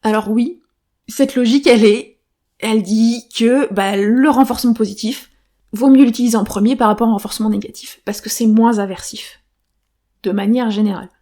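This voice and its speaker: A woman's voice: a little high, steady tone, normal speed, mellow. A woman hosting her own podcast, explaining ideas in a casual, thinking-aloud way with frequent fillers and restarts. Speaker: podcast host. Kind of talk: solo podcast talk.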